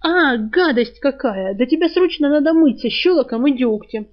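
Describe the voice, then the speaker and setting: A cautious, blunt young village girl from a storybook, as a woman reading it aloud puts her on. The voice sits a little high. The sound is dull and lo-fi. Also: expressive, normal speed. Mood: wary.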